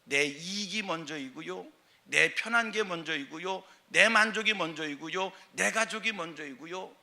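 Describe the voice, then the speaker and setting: Bright-voiced preaching man. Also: sits high, gravelly. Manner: emphatic preaching, swings from loud exclamations to soft slow quoted phrases. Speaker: senior pastor. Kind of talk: sermon. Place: church sanctuary.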